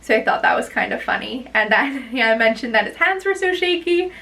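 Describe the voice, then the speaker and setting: Bright, bubbly young woman telling a story. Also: a little high, animated, brisk, distant mic, rough recording. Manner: bubbly and gushing, chatty rambling. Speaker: vlogger. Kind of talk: casual storytelling chat.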